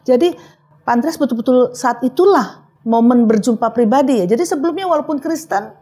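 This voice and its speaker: A woman hosts the conversation with a mellow, warm tone and a husky edge. She thinks aloud and sums up her guest's words, filling pauses with little hesitations. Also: high voice, animated. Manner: reflective, summarizing the guest's story with fillers. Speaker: host. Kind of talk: interview conversation.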